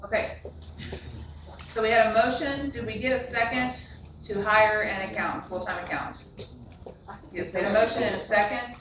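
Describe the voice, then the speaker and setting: A brisk, direct woman mayor runs a public council meeting. She is picked up from far off in a very echoey room. The sound is muffled and has steady background noise. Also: mid-range voice.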